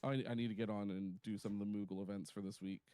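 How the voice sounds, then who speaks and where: A man, a DJ guest, talking in a relaxed, hesitant way with many ums. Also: fairly low pitch, fast talker, clear, resonant tone, no echo. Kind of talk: casual chat.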